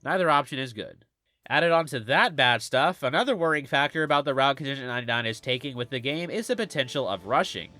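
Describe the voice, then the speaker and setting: A man's voice: medium pitch, expressive, fast, sharp tone, no room sound, faint music behind. A man with a cold giving scripted video game commentary in a stuffy, nasal voice, as if pinching his nose.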